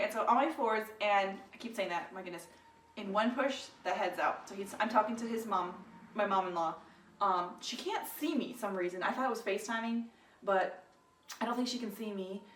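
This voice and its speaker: A young woman casually telling her own story to viewers, lively and acting out what was said. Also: distant mic, slight background noise. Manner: animated, acts out quoted lines with rises in pitch and volume. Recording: roomy echo, voice a little off-mic.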